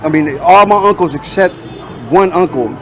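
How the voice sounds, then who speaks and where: A man's voice: fairly high pitch, moderate pace, fairly bright tone, a faint crowd, a little hiss or hum. A man interviewing a stranger on the street in casual talk, pressing with questions and dropping in Spanish phrases.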